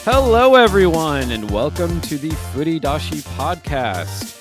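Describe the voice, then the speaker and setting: A man co-hosting a podcast in casual chat, animated and often laughing. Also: on the high side, unhurried, music in the background. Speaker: podcast co-host.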